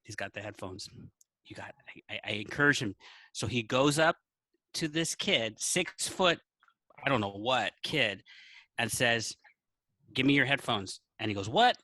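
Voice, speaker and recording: A teacher appearing as a podcast guest tells an anecdote in a casual style, acting out the dialogue as he goes. His mid-range voice is pushed and bright, measured in pace with long pauses, and the recording has no echo.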